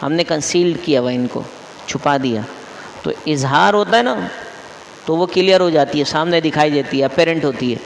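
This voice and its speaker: High gravelly man teaching in echoey mosque. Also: slight background noise. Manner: quizzes listeners, repeats each rule. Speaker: mufti teaching Quran recitation rules. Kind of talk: classroom lesson. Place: mosque hall. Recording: echoey hall with long reverb.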